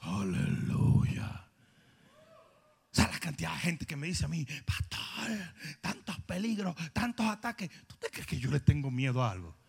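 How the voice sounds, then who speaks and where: A male pastor, preaching an emphatic sermon, often shouting and throwing in jokey asides. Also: medium pitch, huge pitch swings, moderate pace, vocal fry, breathy edge, in a large hall.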